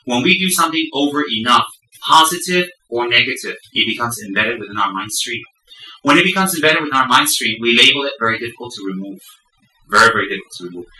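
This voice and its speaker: Bright, emphatic male Buddhist teacher. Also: mid-range voice. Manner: emphatic, piles up repeated words for stress. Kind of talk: live dharma talk to an audience. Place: room with a live audience. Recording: echoey room, voice from a distance.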